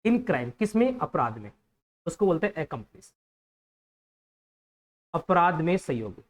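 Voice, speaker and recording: A man's voice: a little high, big pitch swings, slow. A man with an Indian accent teaching English vocabulary to exam students, patiently explaining and repeating words and spelling them out letter by letter.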